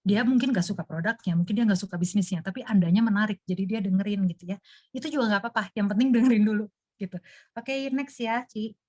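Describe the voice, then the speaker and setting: A woman giving a casual marketing talk, chatty and lively, acting out listeners' reactions with quick asides and laughs. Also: fairly high pitch, no echo, studio quality. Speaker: marketing trainer. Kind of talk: casual presentation.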